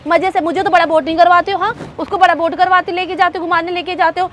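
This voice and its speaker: Very high-pitched young woman, accusing. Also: steady tone, quick pace, fairly bright tone, slight background noise. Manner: accusing, repeats her demands. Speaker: vlogger. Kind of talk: staged couple argument. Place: outdoors on a boat.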